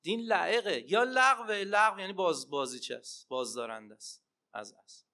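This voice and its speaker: A man preaching a religious sermon and telling stories, swinging between loud emphatic cries and hushed asides. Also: high voice, expressive. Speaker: preacher and Arabic teacher.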